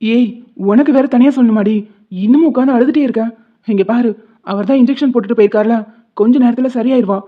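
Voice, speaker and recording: A woman's voice: a little high, fast, close to an everyday voice. A woman voicing a stern, bossy village-head husband, tinny sound. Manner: scolding, commanding.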